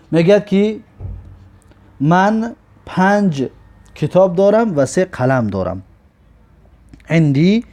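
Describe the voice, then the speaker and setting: A man teaching an Arabic grammar lesson. He patiently repeats each example word slowly, then explains it step by step. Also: a little high, mellow.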